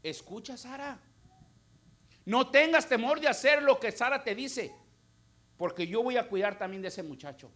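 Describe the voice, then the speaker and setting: A man's voice: very high voice, lively intonation, normal speed, pauses often, sharp tone, heavily acted. A man preaching who voices God reassuring a patriarch at night.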